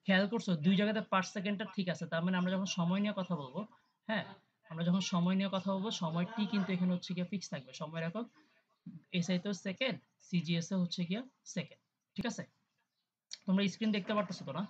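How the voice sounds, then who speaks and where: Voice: medium pitch, fast. A tutor gives an online class lecture over a video call. The tutor talks conversationally, keeps checking in with students, and mixes English terms into the explanations. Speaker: chemistry tutor. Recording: dull, lo-fi audio with faint hiss.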